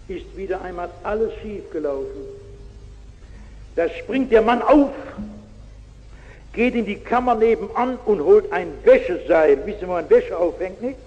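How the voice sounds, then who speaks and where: A man preaches an evangelistic sermon in a high voice and a slow, deliberate pace. He bursts into loud emphatic lines and turns to the audience with asides. The sound is dull and echoes through a large hall.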